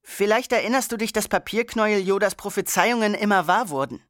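An audiobook reader voicing an excitable schoolboy who speaks up eagerly, in a voice raised above the narration. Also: medium pitch, brisk, no room sound, clean studio sound, pitched above the performer's own voice, natural voice. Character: hopeful lovesick schoolboy.

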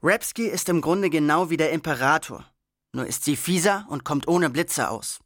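An audiobook reader tells the story in a schoolboy's first person, wry and conversational. The voice sits at a middle pitch. The recording is dry and close, with no room echo. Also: animated, moderate pace, a bit bright.

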